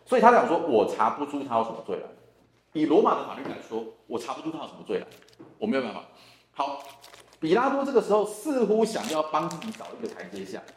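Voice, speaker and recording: A man's voice: fairly high pitch, huge pitch swings, quick pace. A man with a Taiwanese Mandarin accent, a church deacon teaching a Bible study class, who acts out the dialogue from the passage. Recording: echoey room.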